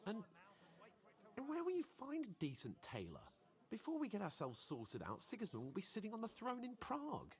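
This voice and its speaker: A man's voice: high-pitched, wildly swooping pitch, fairly quick, exaggerated voice. An actor playing a brash young nobleman who talks with biting sarcasm. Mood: sarcastic. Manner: sarcastic, exclamatory. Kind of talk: game voice acting.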